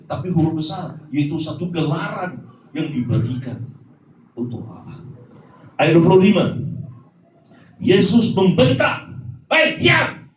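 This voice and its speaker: A man preaching a sermon, animated and joking, with strings of rhetorical questions. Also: on the high side, a little hiss or hum. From Malaysia. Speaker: pastor. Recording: roomy hall, distant mic.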